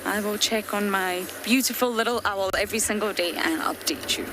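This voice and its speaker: A woman's voice: medium pitch, brisk. Scottish woman guiding a live safari. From Scotland. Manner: chatty and earnest, addressing viewers directly. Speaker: safari guide. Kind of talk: live commentary on a game drive. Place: open safari vehicle outdoors in the bush at dusk. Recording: outdoor bush ambience and vehicle noise.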